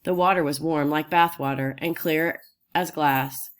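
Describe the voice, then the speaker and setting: A woman reading a children's novel aloud in a steady, unhurried storytelling voice. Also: sits low. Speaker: audiobook reader.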